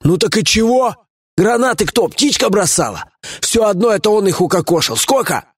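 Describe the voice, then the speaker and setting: A crude, menacing gang boss with a husky, raised voice that swings all over the place, as a male audiobook reader puts him on. He barks orders and scolds in a bullying, gruff way. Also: high-pitched, expressive, normal speed, pitched above the performer's own voice. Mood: scolding. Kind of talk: audiobook character voice.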